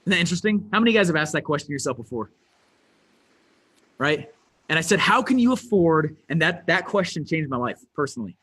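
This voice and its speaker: A man giving a motivational online presentation as a business coach, energetic and emphatic, speaking straight to his audience through a computer mic. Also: a little high, fast talker, slightly rough.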